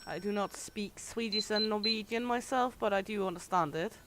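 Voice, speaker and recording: Speaking at medium pitch and a moderate pace, this middle-aged Danish woman streams a game and chats casually with viewers in English, her thick Danish accent clear. She candidly reads out messages from chat and replies as she goes, with a faint hiss under the audio.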